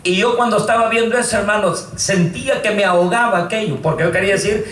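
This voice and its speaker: A man's voice: high-pitched, quick pace, crowd noise. A man from El Salvador giving an earnest, emotional testimony in church, often calling his listeners brothers. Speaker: testimony speaker. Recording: roomy echo, distant mic, faint noise.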